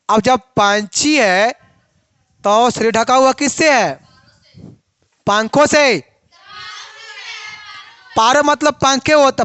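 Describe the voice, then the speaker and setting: High-voiced woman teaching biology slowly. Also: a bit bright, smooth, no room sound. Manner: asks the class questions and answers them herself. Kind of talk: classroom biology lesson.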